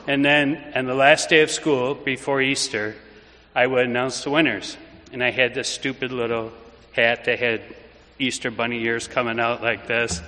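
An older man, a priest, giving an informal anecdotal homily in conversational, halting phrases in a reverberant church. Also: medium pitch, bright, forceful tone. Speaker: priest, pastor.

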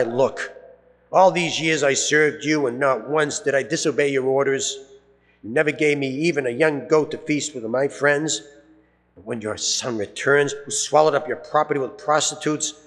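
A priest reads the Gospel aloud at Mass in a measured way, letting the ends of his phrases fall low and slow, his voice carried by a long cathedral echo. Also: a bit bright. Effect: cathedral echo, long church reverb. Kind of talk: liturgical Gospel reading. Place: large church. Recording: long reverb of a large church.

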